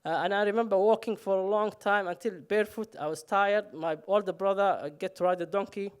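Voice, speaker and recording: A man's voice: high voice, steady tone, fairly quick, clear, resonant tone. A man from Somalia, telling a personal story on stage with self-mocking humor and frequent "uh" fillers.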